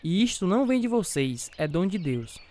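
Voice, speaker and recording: In a scripted radio drama, a man plays an earnest, devout former boxer turned evangelist, narrating his own life story as the lead. His voice is high, sing-song and slightly mellow at a moderate pace.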